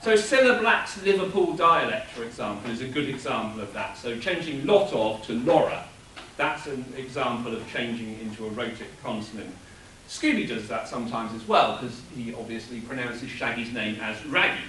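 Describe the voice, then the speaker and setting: A man giving an animated, explanatory panel talk at a convention, chuckling now and then. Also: mid-range voice, normal speed, slight background noise. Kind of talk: lecture-style panel talk. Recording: echoey room from a distance.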